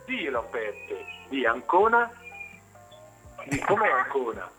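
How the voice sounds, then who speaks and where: Caller on the phone: a bright, lively man phoning in from far away, casual chat. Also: medium pitch, slow, muffled recording, soft background music. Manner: lively, talks to a child beside him. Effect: over the phone, from far away. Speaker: radio caller.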